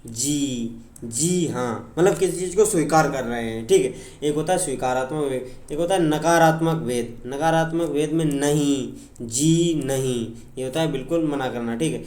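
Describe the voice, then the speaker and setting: A man's voice: a little high, normal speed, a little mellow, echoey room. A man teaching an exam-prep grammar lecture, explaining with examples, repeating points and often checking in with his students.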